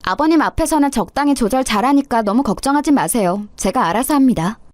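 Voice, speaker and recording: A sneering young daughter-in-law, as a woman reads her in a radio story, coldly polite and mocking. Her high voice swoops up and down with taunting lilts. The sound is dry and close. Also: expressive, quick pace, a little mellow, no room sound, natural voice. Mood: sarcastic. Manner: sarcastic, needling, smugly polite.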